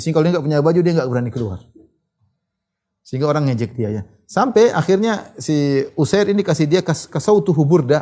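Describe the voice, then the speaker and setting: A man with a fairly high voice gives a religious lesson as a story. He reads narrations in Arabic, then explains them casually, acting out what each character says. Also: warm tone. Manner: acts out the quoted characters' lines. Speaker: religious teacher.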